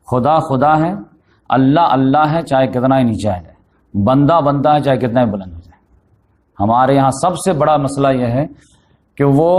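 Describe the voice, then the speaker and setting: A man's voice: medium pitch, a little mellow. A man giving a religious lecture in storytelling form, sprinkling in English words and growing emphatic when he voices the people in his story. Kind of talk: Urdu religious lecture on the Prophet's life.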